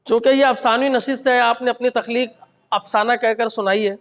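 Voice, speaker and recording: A man giving a measured, analytical critique of a short story at a literary gathering, with occasional restarts. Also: very high-pitched, steady tone, fairly bright tone. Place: college hall. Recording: reverberant hall.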